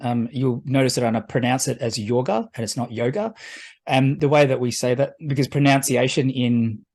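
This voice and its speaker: A man's voice: mid-range voice, a little mellow. A man from Fiji, answering festival Q&A questions thoughtfully, with many fillers. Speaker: filmmaker guest.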